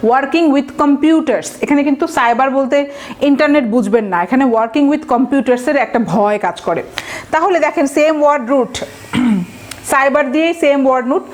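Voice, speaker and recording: A woman with a Bangladeshi accent gives an exam-prep vocabulary lesson in a high voice. She explains word roots step by step and keeps checking that her listeners follow. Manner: explains patiently with frequent checking questions. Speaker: vocabulary teacher.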